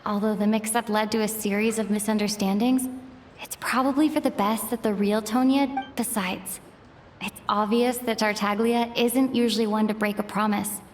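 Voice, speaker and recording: An actress playing a calm young female traveler with dry, wry remarks. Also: medium pitch, normal speed, a little hiss or hum, close to an everyday voice.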